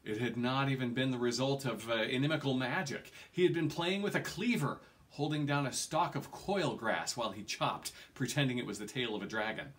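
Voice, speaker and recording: Reading a fantasy novel with dramatic, audiobook-like expression, a forties-aged man speaks in a medium-pitched, slightly bright voice at a fairly quick clip. He's indoors in a small room at home, and small stumbles crop up here and there.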